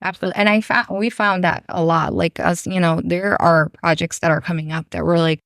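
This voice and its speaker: Smooth-voiced woman from Brazil, chatty guest. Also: on the low side, flat delivery, brisk, no room sound, studio quality. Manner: rambling, warm, full of "you know" fillers. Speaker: podcast guest, business owner. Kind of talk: casual interview chat.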